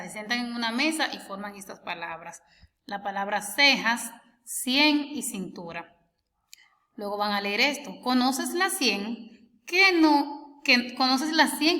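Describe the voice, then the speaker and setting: A woman's voice: on the high side, bright, forceful tone, in a large hall. A woman teacher patiently explaining a homework lesson, stretching out words as she sounds them out and asking the listener questions. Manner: asks the listener rhetorical questions.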